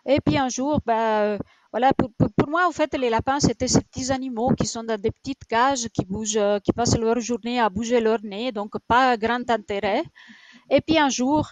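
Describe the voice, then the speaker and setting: Speaking French with an Italian accent, a rabbit shelter founder in her forties from Italy answers an interviewer's questions as a guest. Her voice is a little high and her pace moderate, and she hesitates often, with lots of fillers and restarts. There's no echo, but the audio quality is poor.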